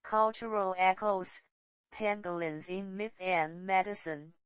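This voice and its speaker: A woman's voice: medium pitch, fairly even intonation, measured pace, smooth, no room sound, muffled recording. A woman reading out short scripted section headings for a nature documentary. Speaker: chapter title announcer.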